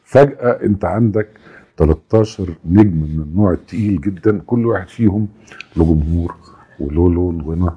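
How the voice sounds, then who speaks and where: A man's voice: sits low, fairly quick, mellow, breathy edge. A man with an Egyptian accent, a guest in an interview, explaining his points emphatically. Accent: Egyptian Arabic. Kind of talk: interview commentary.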